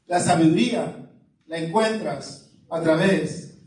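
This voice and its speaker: This pastor speaks slowly in a fairly high, slightly mellow voice, with a little hiss or hum on the audio. He reads scripture and questions his congregation, whose responses echo through the church hall, far from the mic.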